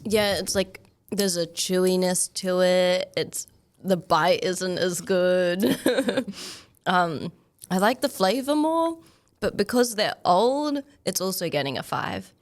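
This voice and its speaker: Relaxed woman with a lowish voice. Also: slow pace. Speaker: insurance adviser and co-host. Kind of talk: casual office podcast chat.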